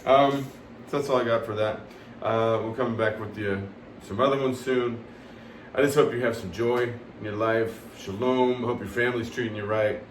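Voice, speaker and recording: A man telling jokes casually, rambling and halting with many fillers, often laughing at his own punchlines. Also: mid-range voice, fairly even intonation, distant mic. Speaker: comedy host telling jokes. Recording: roomy sound from away from the mic, faint background noise.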